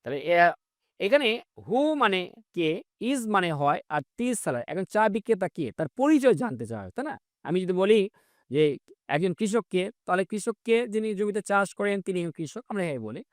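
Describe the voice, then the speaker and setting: A man with a Bengali accent teaching English reading, slowly drawing out model sentences between quick explanations. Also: high voice, sing-song, no room sound, studio quality.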